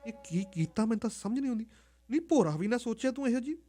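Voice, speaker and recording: A man voicing an indignant middle-aged aunt who scolds in a shrill voice. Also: lively intonation, fast talker, over music. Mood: dismayed.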